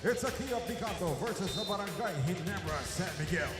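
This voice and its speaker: A man works as an echoing stadium announcer, introducing lineups in a booming voice and drawing out player names. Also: expressive, fairly quick. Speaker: arena announcer. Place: large indoor arena over PA. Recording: long arena reverb, music behind.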